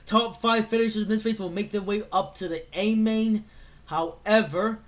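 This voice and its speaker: A man calling a race as commentator, excitable and tripping over names before correcting himself. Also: high-pitched, normal speed.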